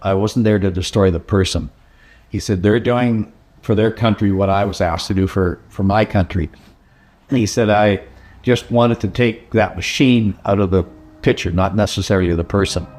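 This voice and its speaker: A man calmly retelling a veteran's story as a documentary narrator. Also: on the low side, normal speed.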